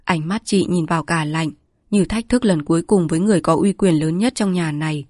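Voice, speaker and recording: A woman narrates a rural story in a calm, measured storytelling voice. Her voice sits low, and the recording is dry and close, with no room sound. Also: no room sound. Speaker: audiobook narrator.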